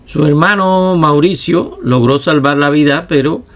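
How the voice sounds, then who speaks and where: A man narrating a history documentary in a measured, steady way. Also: fairly high pitch.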